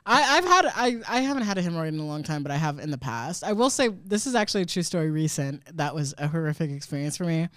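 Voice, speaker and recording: A male podcast co-host chats casually and comedically, rambling through stories and laughing often. His slightly high voice is fast, with big pitch swings and few pauses, and it sounds fairly bright, clear and resonant in an echo-free, studio-quality recording.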